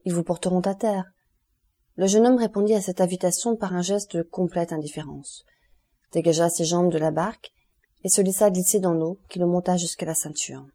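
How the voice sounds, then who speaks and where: A woman narrating a classic novel as an audiobook, in a steady, even reading manner. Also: fairly low pitch, fairly quick. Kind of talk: scripted literary narration.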